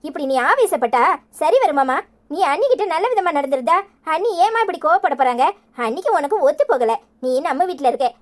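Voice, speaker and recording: Young cartoon daughter with a Tirunelveli accent, voiced by a woman; coaxing peacemaker, high and lively. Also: fairly quick. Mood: reasoning. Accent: Tirunelveli Tamil. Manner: coaxing, reasoning, pleading. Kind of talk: cartoon voice acting.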